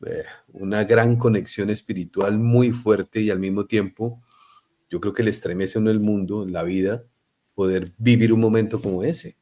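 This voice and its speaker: A man's voice: on the low side, fairly even intonation, moderate pace, dark tone. A man hosting an interview, who asks reflective questions and searches for his words as he goes. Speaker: host.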